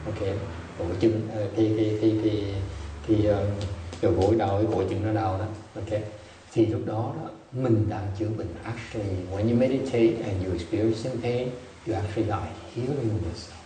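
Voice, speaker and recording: A man's voice: on the low side, steady tone, normal speed, dark tone. A man giving a dharma talk as a Buddhist meditation teacher, telling jokey anecdotes. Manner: joking, anecdotal storytelling. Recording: echoey hall, distant mic, faint hiss.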